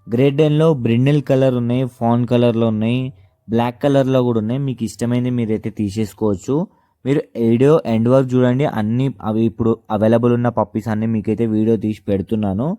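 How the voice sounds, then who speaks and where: Casual seller host, talks quickly, dark timbre. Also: male voice, mid-range voice, no echo. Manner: rapid chatty delivery, repeats filler words. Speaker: dog seller, channel host. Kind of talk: casual sales pitch to camera.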